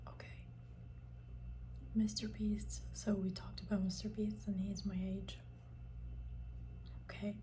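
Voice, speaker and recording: A woman's voice: medium pitch, level tone, takes it slowly, long pauses, warm tone, slight background noise. Woman whispering ASMR right in your ear. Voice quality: breathy unvoiced whisper, close in the ear. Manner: intimate, rambling, informal. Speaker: ASMR content creator. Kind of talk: whispered ASMR casual chat.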